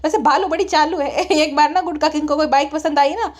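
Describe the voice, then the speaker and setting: High-voiced chatty woman podcaster. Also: steady tone, a little fast. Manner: chatty, mocking asides. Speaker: podcast host. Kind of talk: casual gossip commentary.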